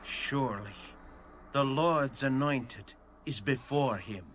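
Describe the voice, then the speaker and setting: Stern prophet, bright forceful voice. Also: male voice, mid-range voice, slow pace, a little hiss or hum. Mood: grave. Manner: stern, declamatory. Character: Samuel, stern, grave male prophet of ancient Israel. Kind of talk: dramatized audio Bible.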